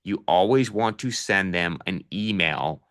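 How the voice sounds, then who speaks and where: Casual man coach, middle-aged, bright forceful tone, direct and practical. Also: low voice, unhurried. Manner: casual, addresses listeners as "you guys"; direct practical advice with fillers. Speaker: real estate investing coach. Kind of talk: live online coaching session.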